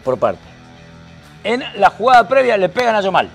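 Animated Salvadoran man retelling matches. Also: sits high, normal speed, gravelly, faint music behind. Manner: animated play-by-play retelling with sound words. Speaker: football commentator. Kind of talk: sports talk chat.

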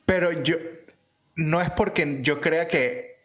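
A man's voice: on the high side, takes it slowly, fairly bright tone. Slangy guy, loose chat. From Latin America. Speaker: chef, podcast co-host. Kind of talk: casual chat.

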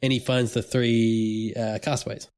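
A man with a mid-pitched voice co-hosting a relaxed podcast chat. He keeps the conversation moving with easy recaps and laughs along with his friends. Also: measured pace. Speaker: podcast co-host. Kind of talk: casual chat.

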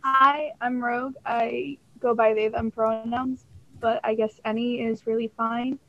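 A woman's voice: on the high side, little pitch movement, a little slow, fairly bright tone, highs cut off. A young woman from Pennsylvania, a guest on a video-call panel, speaking in a laid-back, offhand way. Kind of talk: casual chat.

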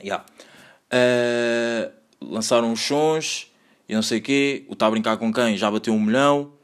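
On his own podcast, the host, a man in his twenties from Lisbon judging by his Portuguese accent, speaks in a smooth, unhurried, medium-pitched voice. The solo monologue is casual and meandering, full of slang and fillers.

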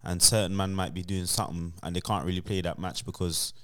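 A man with a low voice and a London roadman accent tells a story casually. His speech is thick with street slang, and he keeps checking that the listener follows. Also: fairly even intonation, quick pace, fairly bright tone. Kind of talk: casual chat, telling an anecdote.

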